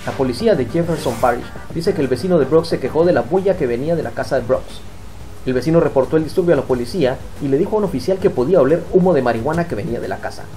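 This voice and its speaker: A man reading a scripted news voice-over in a brisk, even delivery. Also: fairly high pitch. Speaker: news narrator. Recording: studio voice-over with faint music.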